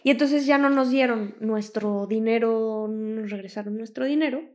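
A young woman chats on a podcast with a slightly high voice. She tells her story in a lively way, acts out what other people said and laughs often. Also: normal speed. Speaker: podcast co-host. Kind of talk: casual chat.

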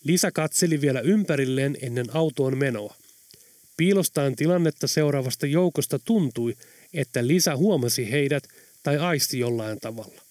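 A man narrating an audiobook in a steady, even storytelling manner. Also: medium pitch, no echo, clean studio sound. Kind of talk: scripted narration.

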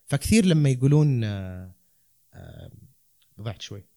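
A man's voice: medium pitch, huge pitch swings, normal speed, gravelly, warm tone. A man with a Saudi accent explaining things casually and conversationally, rambling and dropping in English terms. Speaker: stand-up comedian, guest.

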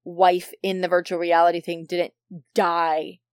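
Smooth-voiced woman, dry close sound. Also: on the low side, level tone, unhurried, no room sound. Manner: chatty, rambling, trailing off. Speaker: podcast co-host. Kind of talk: casual film discussion chat.

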